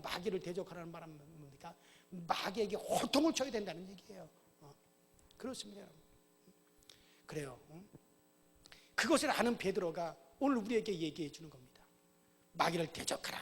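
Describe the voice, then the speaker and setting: A man preaching a sermon as pastor to his congregation in a church, often checking in with a quick "eh?" and rising into loud commands. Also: high-pitched, breathy edge. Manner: asks the congregation "어?" often, shouts commands at Satan. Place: church sanctuary. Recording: long church hall reverb.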